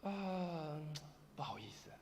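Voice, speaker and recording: A man's voice: high-pitched, lively intonation, normal speed, slight background noise, voice pushed up. A man voicing a funeral procession leader who bangs on a church door, then pleads meekly, within a sermon. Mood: humble pleading. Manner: shouting loudly, then apologetic and meek. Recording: reverberant church hall.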